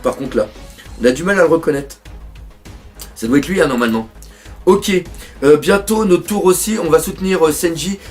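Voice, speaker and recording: A man from France doing live reaction commentary on a manga chapter, excitable, swearing often and reading panels aloud. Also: on the high side, moderate pace, pauses often, faint music behind.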